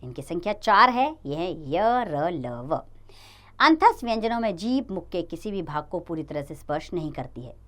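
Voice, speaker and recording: A woman's voice: on the low side, moderate pace. A woman teaching a grammar lesson to children, explaining patiently and calling them "children" as she goes. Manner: addresses children, lively sing-song explaining.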